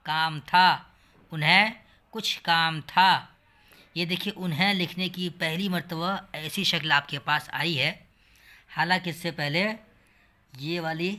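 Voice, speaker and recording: A man teaching reading, a language teacher with an Urdu accent, breaks each word into its letters and vowel signs and then reads it whole. He speaks with a fairly high, sharp-toned voice.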